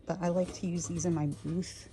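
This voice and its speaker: A woman vlogging as she browses a thrift store for vintage pieces to resell, often whispering excitedly to the items. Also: lowish voice, fairly quick, very noisy. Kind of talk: thrift store vlog narration.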